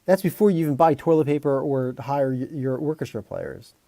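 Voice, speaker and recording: A man streaming as a composer chats casually with viewers in a brisk, medium-pitched voice that's creaky and dark. He rambles and jokes, restarting often, using fillers, mildly swearing and talking to chat. The recording is dry.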